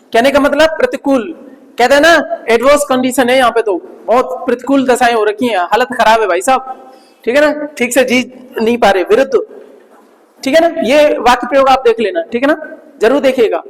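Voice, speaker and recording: A man teaching English vocabulary to students preparing for job exams, drilling words slowly and often checking that they follow. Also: very high-pitched, in a large hall, rough recording. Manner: keeps asking "ठीक है ना?" between explanations.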